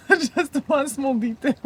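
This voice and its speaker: A woman's voice: high-pitched, takes it slowly, a bit bright. Woman in her 30s, continental european accent, chatty boat vlog, bit of background noise. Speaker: sailing vlogger. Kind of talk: casual vlog chat. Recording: noisy on-board boat recording.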